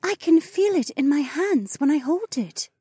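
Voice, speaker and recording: A man voicing a mystical oryx augur woman who speaks in a hushed, foreboding way, in an audiobook reading. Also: very high voice, expressive, moderate pace, no room sound, clean studio sound, pitched above the performer's own voice. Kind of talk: audiobook character voice.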